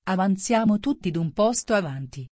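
A woman's voice: medium pitch, animated, normal speed, darkish tone, no room sound, studio quality, lightly acted. A woman reading as a rude quarrelsome hatter. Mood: curt. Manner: curt and rude.

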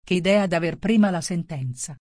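A woman's voice: lowish voice, normal speed, a little mellow, no room sound, clean studio sound, lightly acted. A woman reading an indignant young girl.

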